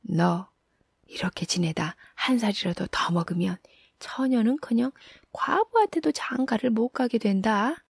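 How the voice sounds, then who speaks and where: A woman's voice: medium pitch, moderate pace, breathy edge, no echo, clean studio sound. A scolding village mother, as a woman narrator puts her on. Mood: urgent. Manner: loud, scolding.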